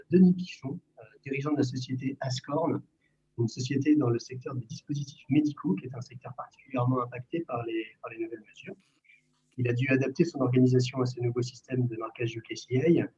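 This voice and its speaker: A man's voice: mid-range voice, a little mellow. A man moderating a webinar and introducing the speakers, with a hesitant delivery full of fillers. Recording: distant, dull, with faint hum.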